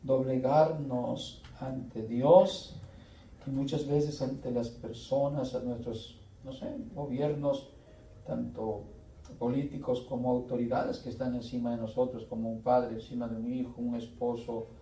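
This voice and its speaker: A middle-aged man preaching a slow, earnest sermon, often pausing and restarting. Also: mid-range voice, fairly even intonation, mellow, a little hiss or hum. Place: church hall. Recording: echoey church room, voice from far off, faint music.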